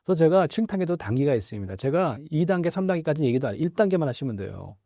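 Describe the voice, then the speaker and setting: A man's voice: a little high, quick pace, no echo. Middle-aged prof guy explaining stuff, swoops up and down a lot, dry close sound. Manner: lively, acts out quoted dialogue, frequent affirming fillers. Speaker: professor guest. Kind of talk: conversational interview explanation.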